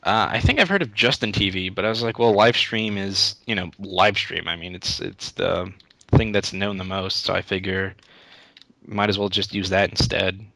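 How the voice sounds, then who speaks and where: A man's voice: deep voice, moderate pace, vocal fry, sharp tone. A young man answering interview questions in a casual, rambling way, often restarting his sentences. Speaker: YouTube Let's Play creator, interview guest.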